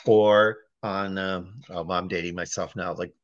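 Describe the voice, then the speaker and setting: A man with a very low voice explains writing craft in an easy, conversational way, often tagging his points with "right?". The sound is dry and slightly dull, with little room around it. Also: steady tone, unhurried, no room sound. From Wisconsin, USA. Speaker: guest editor and author.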